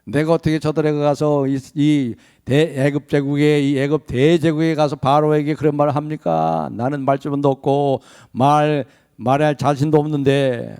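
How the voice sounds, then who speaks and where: A man's voice: a little high, level tone, moderate pace, few pauses, a little mellow, clean tone, natural voice. A man voicing a reluctant old man who pleads and protests with God in pleading rhetorical questions.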